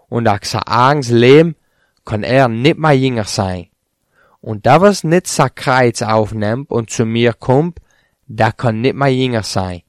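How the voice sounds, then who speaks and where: Man, scripture reading, steady plain delivery, mid-pitched voice, dry close sound. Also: no room sound. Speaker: scripture reader. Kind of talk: reading a Bible chapter aloud.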